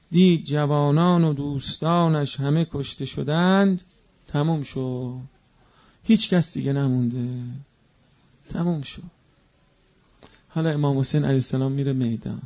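A man preaching a mourning sermon, moving between quiet narration and chanted, wailing cries. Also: a little high, long pauses.

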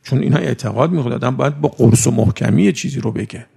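Gravelly-voiced man giving a sermon. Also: mid-range voice, warm tone. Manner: recites Arabic sayings slowly, then explains in colloquial speech. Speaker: cleric giving a religious talk. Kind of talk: conversational sermon with storytelling.

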